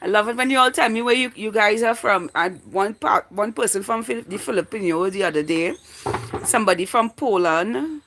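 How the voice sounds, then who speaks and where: A slight hiss or hum sits under this mid-range, somewhat bright voice speaking at a normal pace. It belongs to a Trinidadian woman in her forties hosting a relaxed live chat, rambling and repeating phrases as she thinks aloud.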